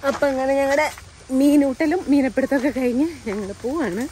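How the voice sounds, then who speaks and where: A woman vlogger chatting casually outdoors by a fish pond, giving quick instructions. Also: sits high, background noise. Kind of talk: casual family vlog chat.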